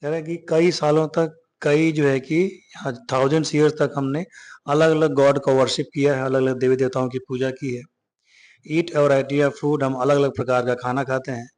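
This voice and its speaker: Male teacher, mid-pitched. Reads English lines slowly, then explains them in with rhetorical questions. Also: little pitch movement, darkish tone. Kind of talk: explaining a textbook chapter.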